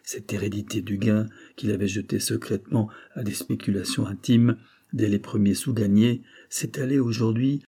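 A man narrating a classic novel as an audiobook, with measured, phrase-by-phrase delivery. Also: fairly low pitch, warm tone, slightly rough. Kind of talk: literary audiobook reading.

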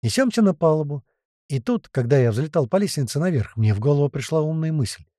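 A man narrating an audiobook in the first person, with lively, slangy storytelling. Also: on the high side, fairly quick, no echo, studio quality.

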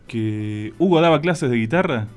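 Faint music sits behind this band member as he guests on a radio show, his medium-pitched voice smooth and expressive at a normal pace. He keeps things playful in the studio, telling stories, joking, and laughing often.

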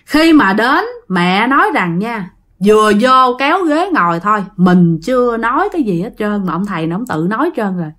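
A woman telling a ghost story in an animated, conversational way. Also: medium pitch, moderate pace.

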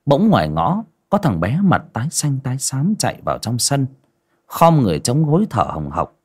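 A man narrating a ghost story in an expressive storytelling way. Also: mid-range voice, normal speed, husky. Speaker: audiobook narrator.

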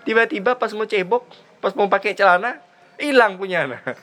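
A man voicing a panicked, distraught man who pleads in a shrill, whining voice. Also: fairly quick, sharp tone.

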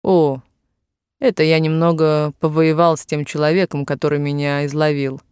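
A man reading the lines of a bruised young man in jail who gently reassures his father, in a dry room. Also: fairly high pitch, completely flat delivery, normal speed, smooth, no echo, voice pushed down, natural voice. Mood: reassuring. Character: young son in jail, bruised, brave and cheerful.

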